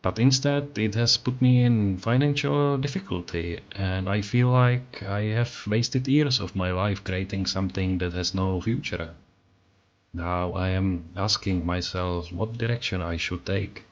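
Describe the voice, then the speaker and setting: With a deep voice and fairly even intonation, a Czech-accented man narrates at a measured pace; Czech is his native language. The artist and channel creator reads a scripted voice-over earnestly, reflecting on and criticizing himself, and the audio is lo-fi.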